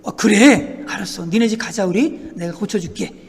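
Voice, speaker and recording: Calm, dismissive man, low-key and casual, as a pastor puts him on; high voice, echoing hall. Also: normal speed, husky. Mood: offhand.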